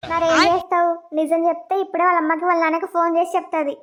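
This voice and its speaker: Mother-in-law: soothing village elder voiced by a woman, very high gentle voice. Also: little pitch movement, racing, dull audio, a little hiss or hum.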